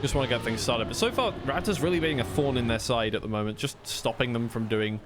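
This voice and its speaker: A man with a mid-range voice commentates live on an esports racing match at a quick pace, with background noise behind him. Between bursts of play-by-play he rambles casually and corrects himself in asides.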